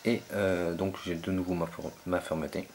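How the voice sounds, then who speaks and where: A man's voice: sits low, flat delivery, moderate pace, darkish tone, faint music behind. A young man commentating his own online battle game match, hesitant and full of fillers as he searches for names.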